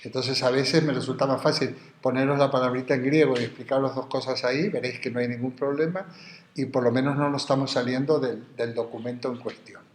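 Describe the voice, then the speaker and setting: A man delivers a university philosophy lecture at an ordinary middle pitch, drifting into asides while explaining Greek terms slowly and spelling words out. His intonation stays fairly even. The classroom adds a noticeable room echo, along with a little hiss or hum.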